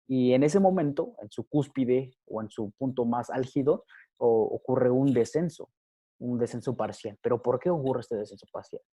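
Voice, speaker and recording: A man talks through a physiology lecture over slides. His voice is mellow and relaxed, at an average pitch. He speaks haltingly, with frequent fillers and tag questions. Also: breathy edge.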